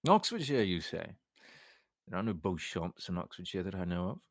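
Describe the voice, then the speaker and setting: A man acts out a suave army captain interrogating in a period drama, low and dry in sound. His modern British RP speech is formal, measured and sardonic, with cold politeness over menace. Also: very animated, no echo, exaggerated voice. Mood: coolly probing.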